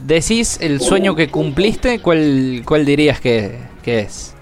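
A man's voice: a little high, takes it slowly, loud music behind the voice. A man with an Argentine Spanish accent interviewing a former footballer, asking conversational questions. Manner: conversational, prompting.

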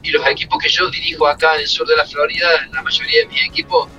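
A man's voice: fairly high pitch, huge pitch swings, quick pace, pushed and bright, muffled recording, soft background music. A middle-aged man with an Argentine Spanish accent, a former footballer and coach telling stories from his career in an interview. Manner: emotional, reflective storytelling. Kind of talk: interview answers.

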